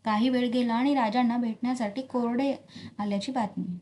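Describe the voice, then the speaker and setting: A woman narrator reading a historical novel aloud in a steady, dramatic storytelling manner. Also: on the high side, normal speed.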